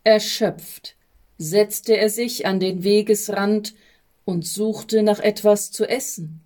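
A woman narrating a storybook in a measured reading. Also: mid-range voice, fairly even intonation, warm tone.

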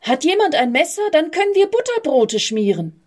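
A woman's voice: high-pitched, very animated, normal speed, voice pushed up. A woman voicing a tiny girl with a thin, piping voice in a read-aloud storybook. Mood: eager.

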